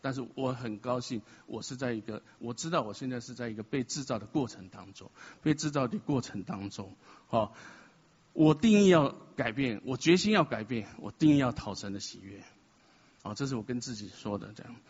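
A man's voice: mid-range voice, fairly quick, husky. A man sharing an emotional, confessional testimony at a church gathering, mixing self-mocking humor into his story. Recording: dull sound in a reverberant hall.

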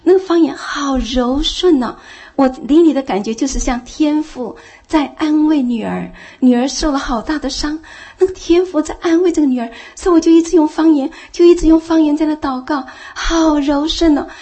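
A woman's voice: high-pitched, normal speed, hardly any pauses, dark tone. A woman giving a heartfelt personal testimony in church, telling her story earnestly and growing fervent. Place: church, speaking from the front.

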